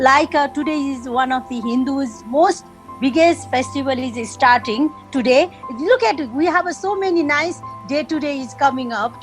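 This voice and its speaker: Her voice high-pitched and the recording rough, a woman from Nepal guests in a relaxed interview, her Nepali accent evident as she halts and leans on fillers while looking for the right words.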